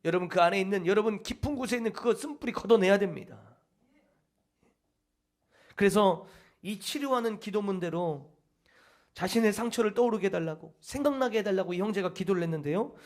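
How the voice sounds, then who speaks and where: A male pastor preaching a sermon, telling a story dramatically and dropping from loud passages into hushed whispers. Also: high-pitched, animated, brisk. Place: church service hall.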